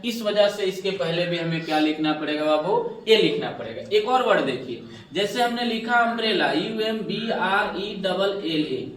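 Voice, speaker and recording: A man teaching an English grammar lesson step by step, asking questions and answering them himself, calling his students "babu". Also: sits high. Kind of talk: classroom lesson explanation. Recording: echoey room, voice from a distance.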